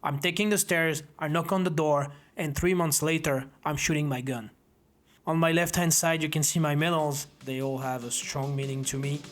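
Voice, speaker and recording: Earnest man, slightly high voice. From Belgium. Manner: earnest, steady, measured delivery. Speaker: founder of a self-defense academy, former army officer. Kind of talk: presenting to camera, personal story.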